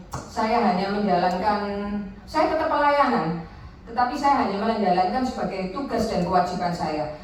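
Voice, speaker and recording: A woman tells her personal testimony in a frank, conversational way, slipping in phrases. Her voice sits a little high. She is picked up from some distance in a strongly echoing function room, with faint room noise behind her. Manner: candid, mixing in Javanese asides. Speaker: testimony speaker at a women's fellowship meeting. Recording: echoey room, distant mic.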